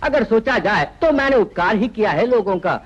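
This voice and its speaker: A sly small-time hustler who teases and cracks jokes at everyone's expense. His voice sits high for a man. The track is muffled and lo-fi, as in an old dubbed film. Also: animated, normal speed, husky. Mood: teasing. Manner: teasing, mocking. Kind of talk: Hindi film dubbing. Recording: dull lo-fi dubbed film audio.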